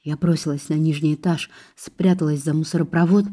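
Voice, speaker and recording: Low, mellow woman narrating a story. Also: steady tone, a little fast. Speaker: audiobook narrator. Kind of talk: first-person story narration.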